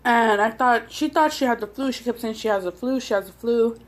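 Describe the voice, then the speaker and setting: A woman's voice: a little high, brisk. A woman talking casually and chewing as she goes, telling personal stories in a hesitant, rambling way between bites, like a mukbang vlogger. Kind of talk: casual personal storytelling while eating.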